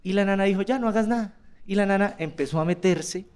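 A man's voice: high-pitched, fast talker, background noise. A man with a Colombian accent performing a stand-up comedy routine, telling crude stories with quoted voices. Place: comedy club stage.

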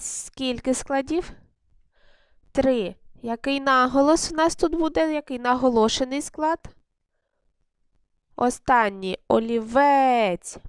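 A woman's voice: high-pitched, slow pace, pauses often, clean tone, no echo, clean studio sound. A woman teaching a recorded lesson to first graders. She asks the class questions, answers them herself, and stretches words out syllable by syllable. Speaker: primary school teacher.

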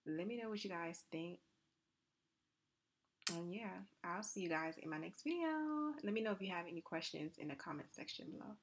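A young woman chatting casually in a soft, low, near-whispered voiceover for a hair tutorial, with plenty of fillers. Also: animated, fairly quick, a little hiss or hum. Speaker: hair vlogger. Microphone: voiceover mic.

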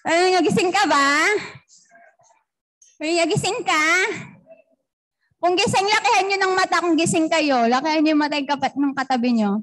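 A woman with a Filipino accent leading a youth fellowship warm-up, playful, coaxing the crowd and calling out cheers. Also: extremely high pitch, normal speed, long pauses.

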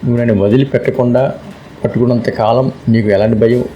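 A man's voice: mid-range voice, fairly even intonation, fast talker, dark tone, slight background noise, lightly acted. A man reading the lines of a devoted young man in love, in a plain storytelling voice. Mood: tender.

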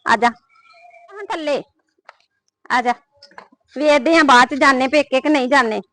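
A woman's voice: sits high, measured pace, crowd noise. A woman playing a young woman who reassures and coaxes her sister-in-law in a short family film. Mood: coaxing. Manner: coaxing, reassuring. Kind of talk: scripted short film acting.

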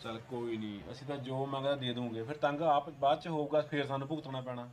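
A man's voice: mid-range voice, steady tone, fast talker, a little hiss or hum, lightly acted. A man playing a grumbling, defensive son who gives in when his sister scolds him. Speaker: son, head of the household.

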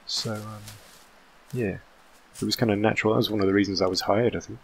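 A man's voice: on the low side, steady tone, fast talker, vocal fry, slight background noise. A man in his thirties from England, whose British accent carries an American tinge, gives casual let's-play commentary, chatty and rambling with many "um"s. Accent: British English mixed with American. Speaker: gaming channel host.

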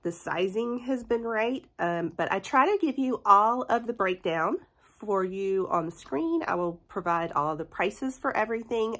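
A woman in her forties chatting excitedly through a haul review vlog, stuffy from a cold, laughing often. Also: mid-range voice. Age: 40s. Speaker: beauty and haul vlogger. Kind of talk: casual product review vlog.

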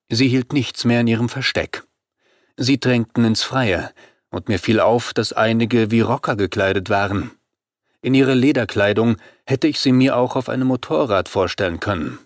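A man's voice: fairly low pitch, moderate pace, dry recording, clean studio sound. Man narrating a horror audiobook. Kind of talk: scripted first-person narration.

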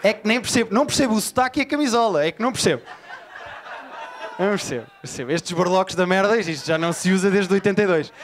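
A man with a Lisbon Portuguese accent performs stand-up in a bar, profane and animated as he riffs with the audience. His voice sits high, and a faint crowd murmurs behind him in the live room. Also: quick pace, noisy background. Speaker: stand-up comedian. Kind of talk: stand-up comedy set. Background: audience laughter.

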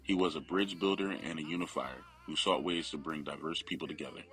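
A family member with an extremely deep voice reads a memorial biography from a prepared script, his tone brisk and fairly bright. Faint music plays behind him, and the audio quality is poor.

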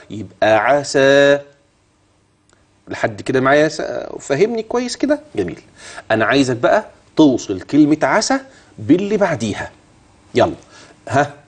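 A middle-aged man with an Egyptian Arabic accent teaching tajweed on a TV lesson, quizzing the viewer and modeling slow chanted recitation. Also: mid-range voice, husky.

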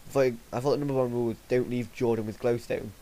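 A man's voice: medium pitch, steady tone, quick pace, warm tone, slight background noise. A man livestreaming a game, chatting casually and trading crude, mock-threatening banter with a friend. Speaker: livestreaming gamer. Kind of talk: casual gaming chat.

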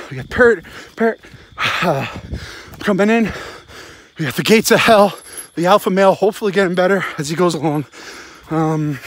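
Out walking at night, a sports vlogger and football fan in his forties delivers a sweary, rambling postgame rant into a phone held close to his face. His voice sits on the high side and sounds husky, the recording is dry, and he talks to camera in blunt, emphatic bursts.

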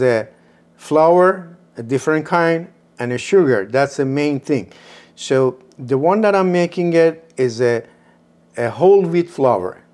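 A man in his sixties with a Persian accent, explaining a home cooking recipe step by step in an unhurried way from his kitchen. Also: mid-range voice, a little mellow. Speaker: cooking show host.

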